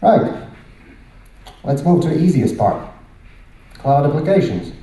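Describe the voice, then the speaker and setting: A middle-aged man from Latvia, with a Latvian accent, gives a conference talk in a somewhat high, mellow, sing-song voice, a little slowly. His emphatic short phrases and rhetorical questions go through a handheld microphone in a big indoor hall whose strong echo makes him sound far off.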